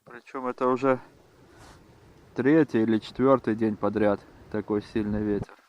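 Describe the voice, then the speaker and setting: A man giving casual, unhurried commentary on his own fishing in short muttered remarks, recorded outdoors with wind on the mic. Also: lowish voice, fairly even intonation, a little mellow, lo-fi sound. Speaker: angler filming own fishing vlog.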